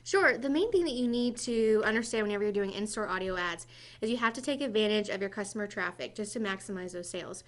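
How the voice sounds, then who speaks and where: A woman's voice: medium pitch, expressive, fast. A woman co-hosting a casual business podcast, explaining in a confident, instructive way. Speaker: podcast co-host, marketing staff.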